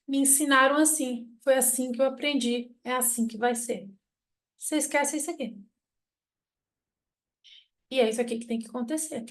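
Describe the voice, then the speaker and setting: A middle-aged woman giving a casual spoken lesson, blunt and self-mocking, acting out the people in her stories. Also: high-pitched. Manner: animated storytelling, acting out quoted people. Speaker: family constellation teacher.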